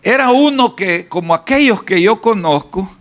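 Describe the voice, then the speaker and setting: Salvadoran male pastor, high voice, chatty sermon with homey asides. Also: lively intonation, normal speed, fairly bright tone. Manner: folksy storytelling with asides and "¿verdad?" tags.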